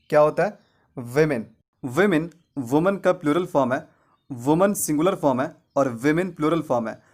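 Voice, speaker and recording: Man teaching English pronunciation. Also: fairly high pitch. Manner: asks and answers his own questions, repeats the correct form; slows right down for English example sentences. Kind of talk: pronunciation lesson.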